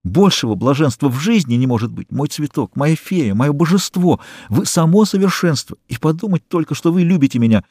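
A man's voice: mid-range voice, very animated, brisk, mellow, slightly rough, no echo, studio quality, voice pushed up. A man voicing a passionate young male artist who pleads with the woman he loves, reading in an audiobook. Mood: pleading. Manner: pleading, impassioned.

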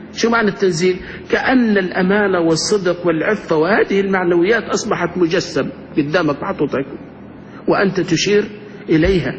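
In a muffled, lo-fi classroom recording with a bit of background noise, a high-pitched sheikh lectures on Arabic grammar and keeps the class involved by putting questions to the students.

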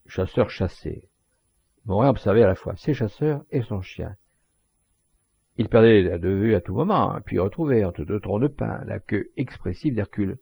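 Gravelly man narrating an audiobook. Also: fairly low pitch, dry recording. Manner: measured, expressive storytelling.

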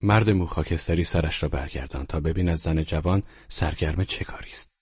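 A male audiobook narrator telling the story in a measured, even way. His voice is low, husky and breathy. It sits close and dry in a dull, lo-fi recording. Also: no room sound.

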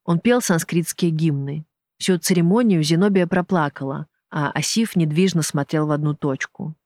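An audiobook narrator reading a dramatic novel in a measured, even way. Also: medium pitch, dry recording, studio quality. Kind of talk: scripted narration.

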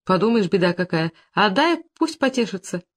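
A reader voicing Lena, a sharp-tongued but caring village wife who talks briskly. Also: female voice, medium pitch, big pitch swings. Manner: brisk, dismissive, sympathetic.

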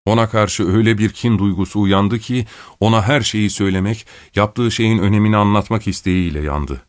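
A man reading a classic novel aloud, calm and measured. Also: no room sound. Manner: calm, measured reading; raises pitch for female characters' quoted lines. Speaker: audiobook narrator. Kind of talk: scripted literary narration.

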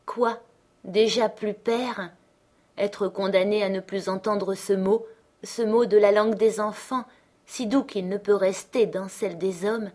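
A woman narrating a classic novel as an audiobook, expressive and dramatic, slowing down on key phrases. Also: mid-range voice. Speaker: audiobook reader.

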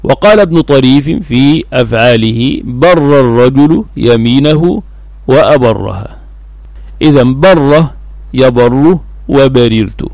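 A man teaching as a sheikh, explaining a classical text in a recorded lesson and repeating words slowly for emphasis. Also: medium pitch, darkish tone, no echo.

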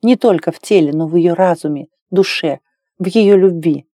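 A woman reading an audiobook in a measured, soft storytelling manner. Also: on the low side, no echo, clean studio sound. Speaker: audiobook narrator. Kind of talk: scripted narration.

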